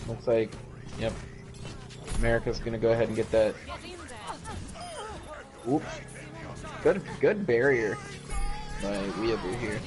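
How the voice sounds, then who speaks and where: A man casting an esports match play-by-play, relaxed and a little tired. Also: mid-range voice, measured pace, pauses often. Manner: relaxed, tired, yawning between calls. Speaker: esports caster. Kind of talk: play-by-play commentary. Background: music.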